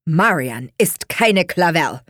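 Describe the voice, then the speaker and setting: A woman's voice: low voice, very animated, slow pace, fairly bright tone, no room sound, clean studio sound, exaggerated voice. A woman voicing a stern, proud, scornful wealthy father in an audiobook reading, harsh and scolding.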